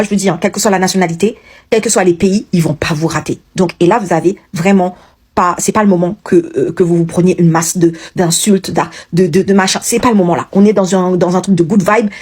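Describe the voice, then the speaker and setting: Haitian woman, Cameroonian French accent, husky, casual earnest vlogger. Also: on the low side, a little mellow. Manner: chatty, earnest, pleading advice with many fillers. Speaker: social media creator. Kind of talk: casual video message.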